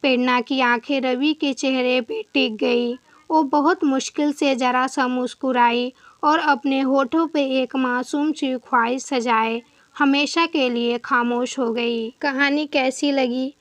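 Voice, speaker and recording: A woman storyteller narrating in a measured, sorrowful way. Her voice is high and her delivery slow, with little rise and fall, in a close, dry recording. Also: fairly even intonation, dry recording. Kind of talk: scripted narration.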